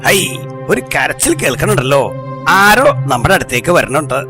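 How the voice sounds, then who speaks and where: A man's voice: on the high side, big pitch swings, moderate pace, music in the background. A man voicing a pompous, grumpy middle-aged lord in a kids' cartoon, who scolds his servant haughtily and speaks of himself as "we". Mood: boastful. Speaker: title character of a cartoon.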